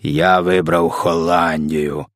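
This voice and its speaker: A man's voice: low voice, flat delivery, takes it slowly, no room sound, studio quality. A man voicing a brutish male man-eating giant who bellows in mangled made-up words. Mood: gloating.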